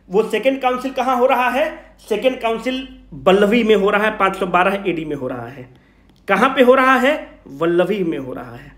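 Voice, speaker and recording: An exam coaching teacher with a high, slightly bright voice and a Bihari Hindi accent gives a casual revision lecture. He fires off questions, answers them himself, and stresses the main points again in everyday language. A strong echo fills the room.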